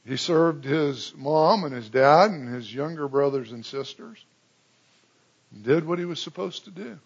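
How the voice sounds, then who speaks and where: A man preaching a sermon, telling stories with big swings between loud excitement and hushed, low tones. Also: measured pace, creaky, breathy edge, dull audio. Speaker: pastor.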